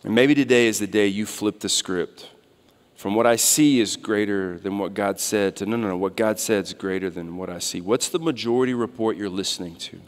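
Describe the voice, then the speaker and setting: A man in his thirties preaching as a guest speaker, shifting between quiet reflective asides and loud urgent appeals, on a church stage. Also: lowish voice, normal speed. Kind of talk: sermon. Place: large church sanctuary stage. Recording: long hall reverb.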